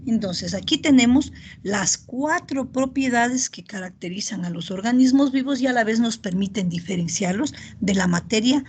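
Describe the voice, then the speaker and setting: A middle-aged woman teaching an online biochemistry class, often pausing to ask students if they follow. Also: a little high, husky. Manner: checks in often with "¿ya?" and "¿verdad?"; steady explanatory pace with filler pauses. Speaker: university lecturer.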